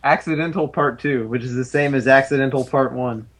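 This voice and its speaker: A young man co-hosting a podcast, chatting casually with friends, playful and quick to laugh. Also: medium pitch. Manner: playful, laughing, lively banter. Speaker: podcast co-host. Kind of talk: casual chat.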